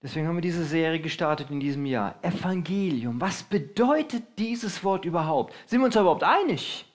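Man, high voice, preaching, sermon, asks listeners questions. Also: lively intonation, a little fast. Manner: asks the congregation questions and acts out heralds' announcements.

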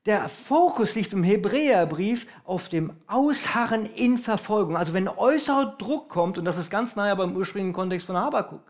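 High-voiced German preacher, emphatic sermon. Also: male voice, lively intonation. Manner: emphatic, varies loudness, slows for stress.

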